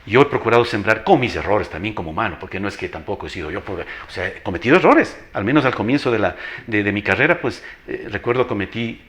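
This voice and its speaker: An older man with an Ecuadorian accent, a veteran teacher appearing as an interview guest, tells anecdotes in a strong, announcer-like voice. He speaks emphatically at a quick pace with hardly any pauses, repeating phrases and acting out dialogue. His voice is lowish, expressive, and fairly bright in tone.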